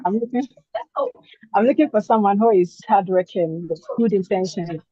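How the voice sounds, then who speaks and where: A woman's voice: medium pitch, moderate pace. Young woman on muffled call, crowd behind. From Ghana. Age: 20s. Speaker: contestant. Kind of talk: introducing herself. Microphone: video call.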